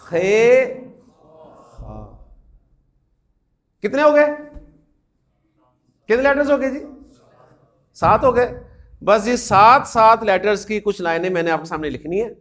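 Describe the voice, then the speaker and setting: A man from Pakistan, teaching a class the Arabic alphabet. He says the letters aloud slowly, one by one, asks the class questions and mixes English words into his Urdu. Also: high voice, expressive, a bit bright.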